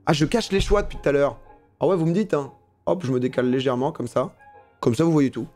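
Brief: man, slightly higher voice, casual slangy stream commentator, faint music underneath. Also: fast talker, a little mellow. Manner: casual, slangy, swears freely; reads game text aloud, then comments. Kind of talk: live gameplay commentary.

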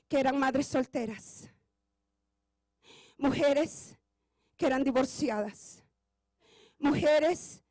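A woman pastor preaching a sermon with passion, often building to shouts. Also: high-pitched, dry recording. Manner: impassioned preaching that rises to shouts.

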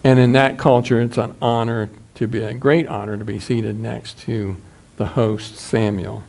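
Older pastor with a mellow, warm voice. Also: male voice, mid-range voice, flat delivery, gravelly. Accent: American Midwest. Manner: measured, reads scripture aloud from a booklet. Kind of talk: sermon. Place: small church sanctuary.

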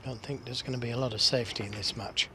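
A man's voice: mid-range voice, fairly even intonation, fast, bright, forceful tone, slight background noise. A man giving analytical snooker commentary during a match.

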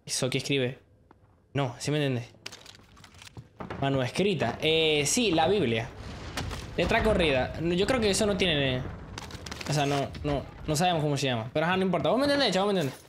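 A man's voice: fairly high pitch, expressive, moderate pace, long pauses. Rambling young man streaming, noisy mic. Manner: rambling, jokey, laughs often, drops English slang. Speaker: gaming streamer. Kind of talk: casual live-stream chat with viewers. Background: game sounds and clicks.

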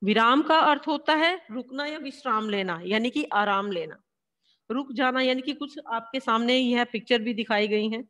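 A woman teacher giving a classroom lesson, explaining slowly and answering her own questions. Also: fairly high pitch, a bit bright, big-room sound. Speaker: school teacher.

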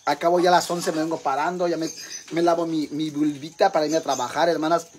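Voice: medium pitch, steady tone, fast talker, darkish tone, a little hiss or hum, natural voice. A performer voicing a crude, boastful Mexican mother with a Mexican accent, rambling gossip to her sisters in a comic monologue. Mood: brash gossip.

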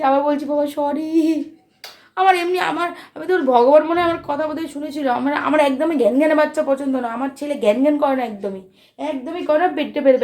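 A woman's voice: sits high, darkish tone. A young mother and vlogger chatting casually at home, tired from lack of sleep, rambling and fretful with many restarts. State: sleep-deprived. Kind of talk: casual home vlog chat.

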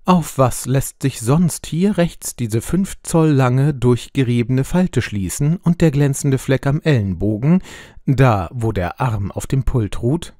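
A man voicing a sharp, lecturing middle-aged detective in an audiobook, explaining things precisely. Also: mid-range voice, slow, no room sound, studio quality. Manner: precise, explanatory, lively intonation. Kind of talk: audiobook role reading.

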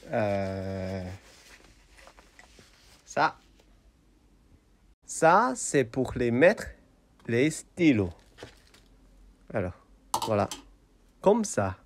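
Very slow-talking man teaching beginners. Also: medium pitch. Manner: deliberate, tired and deadpan. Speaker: vlogger, language teacher. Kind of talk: slow, simple speech for beginners.

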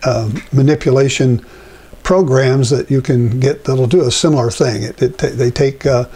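Working at his easel in a home studio, an older painting instructor rambles through a relaxed demonstration full of fillers, picked up by a lapel mic. His husky voice sits in the mid-range and moves at a normal speed.

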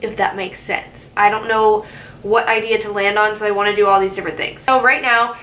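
A woman's voice: mid-range voice, steady tone, fairly quick, fairly bright tone, roomy sound, a little hiss or hum, poor audio. A young woman in her twenties talking casually to camera in a vlog, full of "like" and little asides. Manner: chatty, filler-heavy, with "like" and "I guess you could say". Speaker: vlogger. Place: car, then bedroom at home.

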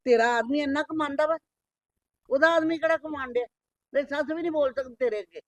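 A woman's voice: sits high, fast talker, no room sound, distant mic, lightly acted. A middle-aged woman playing a scheming mother who scolds and nags her married daughter in a scripted family skit. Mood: coaxing. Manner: nagging, scolding. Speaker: mother on the phone.

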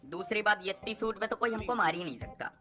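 A man's voice: high-pitched, quick pace, over music. A man streaming gameplay, crude and swearing, with mock-heroic banter. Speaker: gaming streamer. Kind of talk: live gameplay commentary.

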